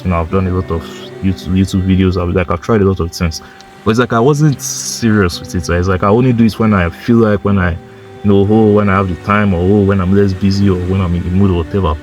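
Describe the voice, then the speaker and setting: Deep-voiced man in his twenties, blunt motivational vlogger, swears freely, repeats himself for emphasis. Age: 20s. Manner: blunt, swearing, heavy use of "like" and "bro"; insistent, repeats points for emphasis. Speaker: motivational YouTuber. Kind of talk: casual motivational monologue.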